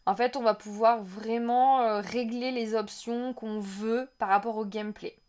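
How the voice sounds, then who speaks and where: A fairly high-voiced woman talks her way through a game trailer on a live stream, speaking straight to her viewers. She rambles, restarts and reads their chat aloud, and bursts out in excitement whenever something new shows up on screen. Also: unhurried. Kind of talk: casual live-stream reaction.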